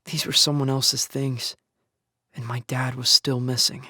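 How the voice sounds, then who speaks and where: In a first-person audio drama, the lead actor and narrator plays a young male survivor of an apocalypse, earnest, shaken, and grieving his father. His mid-range voice is level, measured, pushed and bright, and husky, a full character voice, telling the story somberly and reflectively with anguished outbursts. The clean studio sound has no room sound, with music in the background.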